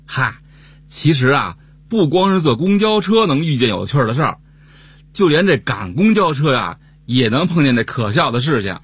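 A man playing the son in a scripted radio comedy dialogue, telling a lively story. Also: medium pitch, moderate pace, breathy edge. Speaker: son in a family comedy sketch.

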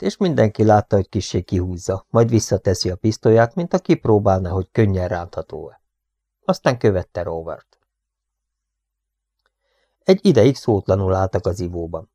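Mély, recsegő hangú férfi felolvasó. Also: male voice, lowish voice, mellow, no echo. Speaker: audiobook narrator. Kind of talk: audiobook reading.

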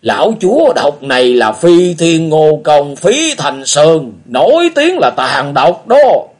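A man voicing a cantankerous old male beggar martial artist who scolds and shouts in a husky voice for a story reading. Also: a little high, very animated, slow, pitched above the performer's own voice, exaggerated voice. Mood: gruff musing.

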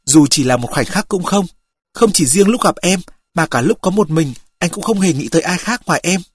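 A reader voicing an earnest, anxious young man who reassures his beloved, in a husky voice. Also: medium pitch, lively intonation, brisk, dry recording.

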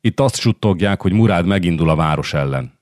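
Egy magányos, sóvárgó fiatal háremhölgy, akit egy férfi mesélő szólaltat meg nagyon mély, száraz hangon, közeli mikrofonnal. Kérlelő, vágyakozó hangvétel. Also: male voice, deep voice, lively intonation, darkish tone, no echo, clean studio sound. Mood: wistful. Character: lonely young harem wife, woman.

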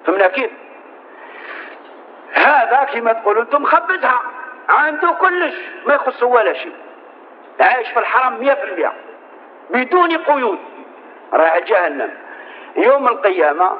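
A man's voice: very high voice, sing-song, moderate pace, long pauses. A man preaching a sermon, telling stories and rising to emphatic exhortation. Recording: tinny lo-fi recording with faint hiss.

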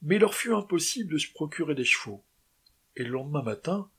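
A man reading a classic novel aloud as an audiobook narrator in steady, expressive storytelling. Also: fairly high pitch, brisk, husky. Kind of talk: scripted narration.

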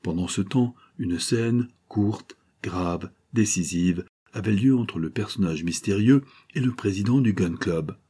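A man narrates a classic novel in a measured, literary style. His voice is low and dark, with a husky edge. He reads steadily, as an audiobook narrator.

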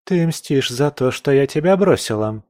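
A man performs a defiant, provocative young woman journalist for an audiobook, sounding haughty, sharp-tongued and taunting. His mid-range voice is pushed up yet stays close to everyday speech, with lively intonation at a normal speed. The studio-quality recording has no room sound.

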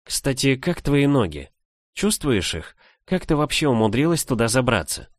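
A man's voice: mid-range voice, sing-song, moderate pace, no echo, clean studio sound, pitched above the performer's own voice. A man voicing a plump, kindly village woman who talks in a chatty, fussing, motherly way, reading an audiobook.

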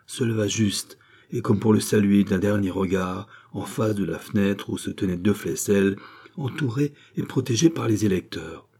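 Male narrator for a classic novel; low, dark, slightly husky, measured and dramatic. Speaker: audiobook narrator.

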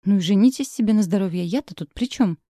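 A woman's voice: medium pitch, fast talker, dark tone, dry recording, studio quality, lightly acted. A woman voicing a defiant young noblewoman who talks back heatedly in a storybook reading.

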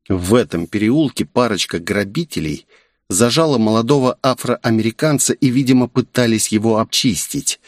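A man reading a story aloud as its narrator, with expressive storytelling. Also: mid-range voice, no room sound, studio quality. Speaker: audiobook narrator. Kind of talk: scripted narration.

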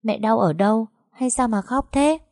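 Female narrator doing a tiny sweet girl, high and gentle. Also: normal speed, no room sound, studio quality, lightly acted. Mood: innocent. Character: small innocent little girl.

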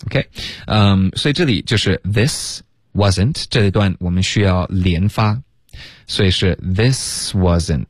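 Brief: male radio tutor, deep voice, dry studio sound, slow drilled phrases with frequent OKs. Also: no echo. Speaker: English pronunciation teacher. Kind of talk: radio English lesson, mixing Chinese and English.

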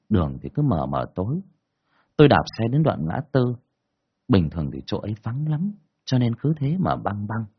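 A man with a lowish, husky voice tells a ghost story from his own experience, speaking in a colloquial, earthy, expressive way. The recording is dull and lo-fi.

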